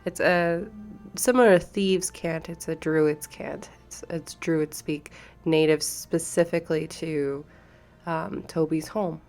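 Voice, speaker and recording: Woman, game master, tabletop narration, slow pace, creaky voice. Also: low voice, fairly even intonation, darkish tone, soft background music.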